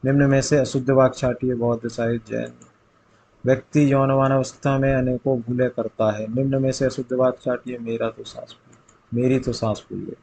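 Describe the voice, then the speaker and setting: A man's voice: medium pitch, level tone, moderate pace, creaky, darkish tone, poor audio. Man reading out Hindi grammar quiz questions. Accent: Hindi, north India. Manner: reads options, then states the answer. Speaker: exam tutor.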